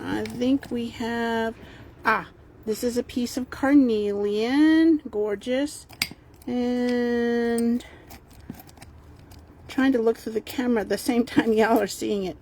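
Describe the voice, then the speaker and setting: A woman's voice: on the high side, mellow. A woman from Texas giving a casual, unscripted video tour as host, chatty, meandering and enthusiastic, filming by hand in a warehouse. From El Paso, Texas. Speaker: crystal shop owner and host. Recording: clear background ambient noise.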